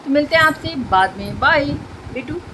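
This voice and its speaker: A woman's voice: a little high, normal speed, noisy background. A young woman chatting to her viewers in a casual home vlog, filmed on a phone. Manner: chatty, talks straight to viewers. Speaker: vlogger. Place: home and rooftop, indoors and out.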